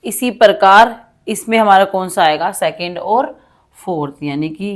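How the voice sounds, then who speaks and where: A woman with a mid-range voice teaches a Hindi grammar lesson while writing on a board, explaining slowly and patiently. She mixes English words into her Hindi and checks in often with "ठीक है."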